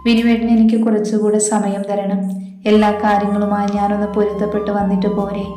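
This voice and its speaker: A shy young bride speaks softly and hesitantly, as a woman narrator voices her. The voice is mellow and flat, with a roomy echo and soft music in the background. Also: mid-range voice, fairly quick, close to an everyday voice.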